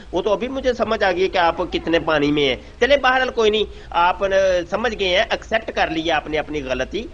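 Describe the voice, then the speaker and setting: A man's voice: high-pitched, fairly bright tone. A man with a Punjabi accent, lecturing an opponent in a scornful, condescending tone over a voice message. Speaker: debate group host. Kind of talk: voice-message debate. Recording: dull lo-fi voice message.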